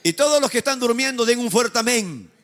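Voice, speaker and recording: A Peruvian pastor preaches with a high, ringing voice that swoops up and down with lively energy. He leads his congregation in call-and-response, having them echo his words, and prods them with teasing exhortation. The sound is that of a live church service. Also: a little fast. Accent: Peruvian Spanish. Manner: call-and-response preaching, has the congregation repeat after him. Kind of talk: sermon.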